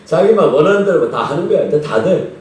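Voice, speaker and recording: A male pastor preaching to his congregation and telling stories in a relaxed, conversational way, often turning to them with questions. His mellow, somewhat high voice rings around a big church sanctuary, picked up by a mic some distance away. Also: fast, very echoey, a little hiss or hum. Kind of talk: revival sermon with storytelling.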